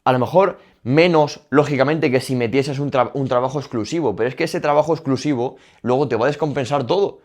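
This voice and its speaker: A man's voice: medium pitch, fairly quick, hardly any pauses. A young man with a Spain Spanish accent giving casual, emphatic training advice, repeating his points directly. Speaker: fitness youtuber. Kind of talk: casual gym advice talk.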